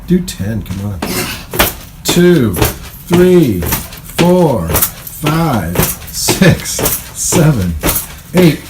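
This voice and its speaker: A man's voice: on the high side, sing-song, drawn-out words, pauses often, noisy background. A middle-aged man coaching a student through exercises in an indoor jiu-jitsu gym, encouraging and commanding, counting reps aloud.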